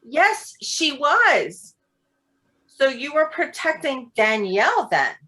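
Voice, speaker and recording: In a staged play reading, a woman plays a confrontational, sarcastic character who defends her friend with pointed, deliberate words. Her voice sits high and sounds sing-song, sharp, and exaggerated.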